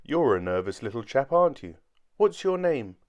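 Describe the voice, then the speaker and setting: Storyteller voicing a gentle, kindly male tramp. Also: mid-range voice, big pitch swings, normal speed, muffled recording, pitched above the performer's own voice, lightly acted. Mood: gentle concern. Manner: gentle, soothing.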